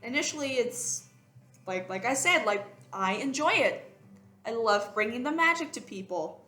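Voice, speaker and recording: A woman's voice: a little high, animated, moderate pace, pushed and bright. A young woman who performs as a mermaid, chatting casually in a vlog, rambling with lots of fillers and restarts. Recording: echoey room.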